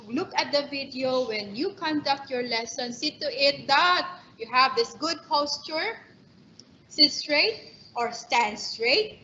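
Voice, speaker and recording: A woman's voice: high-pitched, sharp tone, highs cut off, a little hiss or hum. A woman with a Filipino accent giving a training lecture to teachers, speaking in an emphatic way and addressing them directly. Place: online training session.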